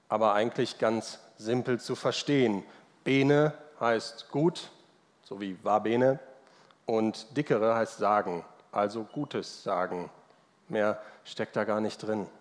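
A man in his thirties preaching a sermon as pastor, conversational and personal, asking the congregation rhetorical questions during a church service. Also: medium pitch. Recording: long reverb from a church hall.

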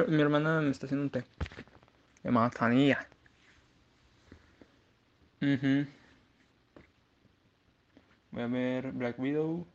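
Queasy young Mexican man, gravelly voice. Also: mid-range voice, highs cut off. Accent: Mexican Spanish. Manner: crude, slangy and rambling. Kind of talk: casual video diary.

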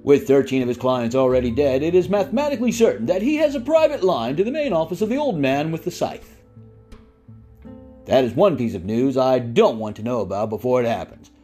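An actor playing a brash, fast-talking male radio newsman with punchy headline delivery. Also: medium pitch, sing-song, dark tone, soft background music, lightly acted. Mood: breathless.

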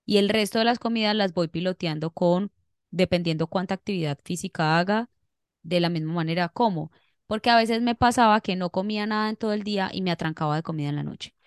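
A woman's voice: lowish voice, a little fast, clean tone, no echo, studio quality. A young woman with a Colombian accent, chatting casually as a podcast co-host, rambling and laughing as she tells stories. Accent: Colombian Spanish. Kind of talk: casual chat.

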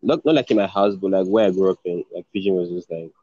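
A man's voice: low-pitched, fast talker, mellow, dry recording. A man with a Nigerian accent hosting a casual chat, friendly and teasing, often restarting his sentences. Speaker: podcast host. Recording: dull, dry lo-fi audio.

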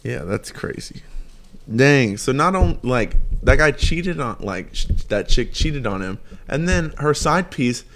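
Man, young adult, podcast co-host, laid-back, rambling, lots of "like", medium pitch. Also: lively intonation, unhurried, fairly bright tone, a little hiss or hum. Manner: laid-back, rambling storyteller, says "like" a lot. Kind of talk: casual chat.

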